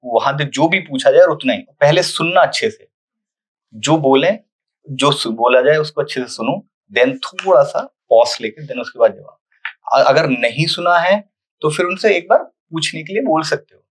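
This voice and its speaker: A man's voice: fairly high pitch, lively intonation, moderate pace, husky. A man on a mock interview panel, giving mild feedback to a candidate with hesitant fillers.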